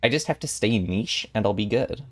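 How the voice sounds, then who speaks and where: A man's voice: fairly low pitch, animated, normal speed. A young man in his twenties chatting casually with viewers on a stream, rambling and playful with giggly asides. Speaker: VTuber streamer.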